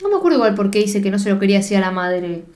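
A young Argentine woman chatting quickly and casually, piling on slang as she retells scenes. Her voice sits at a middling pitch, and she barrels ahead at a brisk clip. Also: very animated, a little mellow, roomy sound. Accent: Argentine Rioplatense. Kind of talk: casual chat recapping a film.

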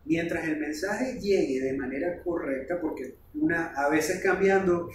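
A man, a language teacher explaining things in a casual, animated podcast chat. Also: fairly high pitch, a little slow, slight background noise. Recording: roomy, distant mic.

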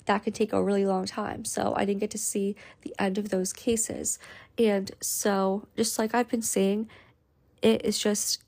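Tearful, gravelly young woman rambling. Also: mid-range voice, little pitch movement, measured pace, darkish tone. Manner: rambling, emotional, many fillers and restarts. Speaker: law student podcaster. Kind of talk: casual chat.

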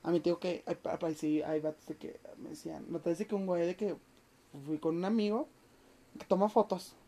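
A woman hosting a podcast, relaxed and chatty as she trades stories with a guest. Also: fairly low pitch, fairly quick. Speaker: host. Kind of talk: casual chat.

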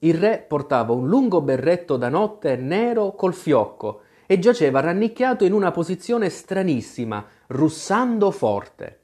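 A storybook narrator reading in a measured, expressive manner. The voice moves lively up and down, mid-pitched. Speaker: audiobook narrator.

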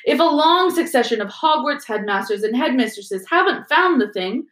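A woman's voice: sits high, lively intonation, normal speed, a bit bright, reverberant, pitched above the performer's own voice. A woman voicing an old ghostly male history teacher with a dry, reedy voice who lectures and dismisses questions impatiently. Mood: irritated.

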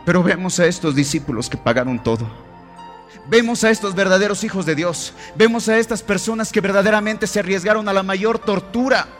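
A man's voice: high-pitched, brisk. A man preaching a sermon, impassioned and exhorting, calling the congregation family, with faint music behind. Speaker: pastor.

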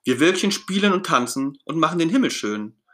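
A man voicing a shy, sad little lost cloud lamb in a storybook reading, speaking softly and timidly. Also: on the high side, big pitch swings, fairly quick, voice pushed up. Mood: wistful. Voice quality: soft, fine, timid voice.

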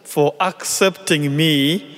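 A Ugandan man serving as a visiting priest, giving a mission appeal homily at Mass with a slow, deliberate, phrase-by-phrase delivery into a pulpit microphone. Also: fairly high pitch, steady tone, a bit bright. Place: large church. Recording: long church reverb.

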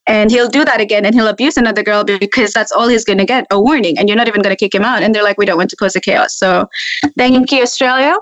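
A woman's voice: medium pitch, fast talker, no room sound, muffled recording. A woman from Tanzania, a podcast guest, telling personal stories in casual chat and acting out the dialogue. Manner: lively storyteller, acts out quoted dialogue.

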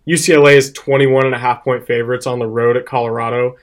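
A young man in an easygoing sports chat with a co-host. His talk is loose and animated, full of "like" and "um", with laughs breaking in now and then. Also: medium pitch, quick pace. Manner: animated, laughs often, fillers like "um" and "like". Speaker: podcast co-host. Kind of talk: casual sports betting chat.

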